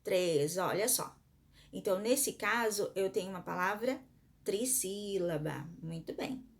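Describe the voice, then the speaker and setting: A Brazilian woman teacher records a lesson for her pupils, in a voice of middle pitch. She explains patiently, step by step, and sounds words out slowly syllable by syllable. She often puts questions to the class and answers them herself. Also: lively intonation. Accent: Brazilian Portuguese. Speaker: schoolteacher.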